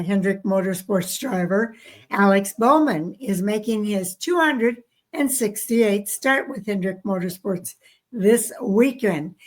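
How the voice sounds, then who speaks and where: A woman co-hosting a racing podcast, reading statistics in a tired, casual way. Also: medium pitch. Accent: Southern American. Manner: tired, yawning. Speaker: podcast co-host. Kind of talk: reading race stats in casual chat.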